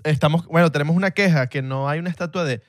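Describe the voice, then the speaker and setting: A young Venezuelan man with a slightly raised pitch, bantering on a podcast. He brags playfully and leans on slang. The recording is close and dry. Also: fast talker, dry recording. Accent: Venezuelan Spanish. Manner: jokey, boastful, slangy. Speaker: podcast co-host. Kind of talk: casual banter.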